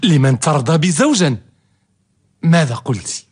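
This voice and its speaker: Husky, animated servant suitor. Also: male voice, on the high side, measured pace, exaggerated voice. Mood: wooing. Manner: theatrical, expressive. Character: male servant, cunning, devoted, eager suitor. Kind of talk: radio drama acting in formal Arabic.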